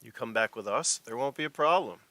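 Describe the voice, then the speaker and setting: A man voicing a menacing male corporate operative who makes calm, veiled threats in a tabletop game. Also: medium pitch, a little fast, dry recording. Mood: threatening.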